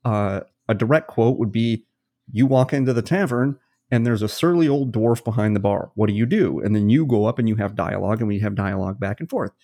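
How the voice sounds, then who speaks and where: Low, mellow-voiced man explaining at length. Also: a little fast. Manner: long-winded, explanatory, hands-on examples. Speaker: podcast co-host and game master. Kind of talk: casual podcast discussion. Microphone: podcast studio mic.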